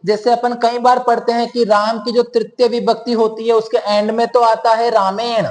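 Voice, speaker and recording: A man teaching a class, patiently explaining rules and often checking that students follow. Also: very high-pitched. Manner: patient, keeps calling students "beta" and asking questions. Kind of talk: classroom lesson.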